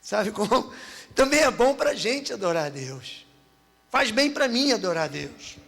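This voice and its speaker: A pastor delivers a sermon, telling a story and reading psalms aloud with growing emphasis. His voice sits high for a man and has a gravelly edge. The sound rings with the long reverb of a church hall. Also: sing-song, a little slow, fairly bright tone. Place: church hall at a youth congress.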